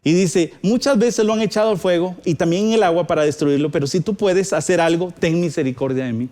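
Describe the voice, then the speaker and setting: A man's voice: sits high, brisk, a little mellow. A man with a Guatemalan Spanish accent preaching a sermon, reading scripture aloud with rising and falling emphasis. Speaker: pastor.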